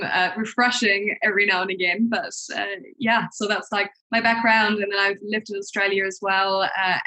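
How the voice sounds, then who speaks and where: A young adult woman raised in New Zealand and Germany, a marketing consultant, answers interview questions as a guest in a chatty, conversational way full of "like" and "you know." Her mid-range voice is bright and forceful, and the audio quality is poor.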